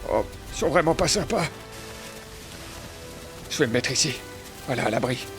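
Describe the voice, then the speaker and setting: A man's voice: mid-range voice, moderate pace, over music. A man narrating his own game character in roleplay, theatrical, with sudden swearing outbursts. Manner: theatrical, swings between calm narration and outbursts of insults. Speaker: gamer roleplaying a dinosaur.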